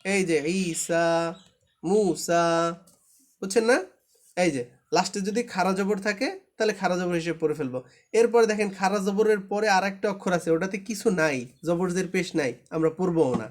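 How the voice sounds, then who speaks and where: High-voiced man teaching Quran reading patiently. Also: fast talker. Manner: patient, repetitive, often checks understanding. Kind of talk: live online class instruction. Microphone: online live class.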